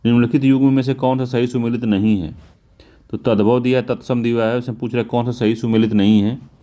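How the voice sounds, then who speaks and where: A man with a North Indian Hindi accent walks through practice test questions in a teaching tone, with a mellow, dark voice. He keeps a mid-range pitch and slows right down to repeat each key word. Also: flat delivery. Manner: repeats words slowly, drawn-out emphasis. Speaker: exam prep teacher. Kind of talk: explaining test answers.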